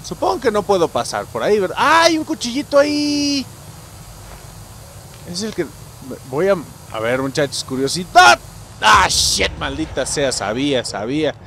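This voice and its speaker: A young Mexican-accented gameplay streamer provides excitable let's play commentary, yelping and swearing at every scare. His voice is high, at a moderate pace, with a little hiss or hum in the audio.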